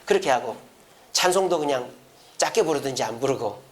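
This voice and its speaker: A man's voice: medium pitch, lively intonation, fairly quick. A man preaching a Sunday sermon as senior pastor, asking his congregation rhetorical questions and acting out their complaints in a raised voice.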